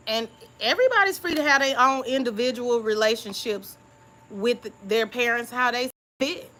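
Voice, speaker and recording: Her voice a little high and her pace moderate, this YouTube creator chats informally on a live stream about entries from her old journals. The tone is relaxed, reflective and confiding, punctuated by frequent "okay?" check-ins with viewers.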